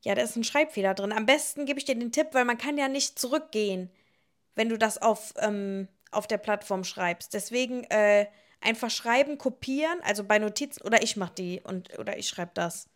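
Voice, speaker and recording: Bubbly young woman, slightly high voice. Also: normal speed. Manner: chatty storyteller, laughs often. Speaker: podcast co-host, daughter. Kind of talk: casual chat.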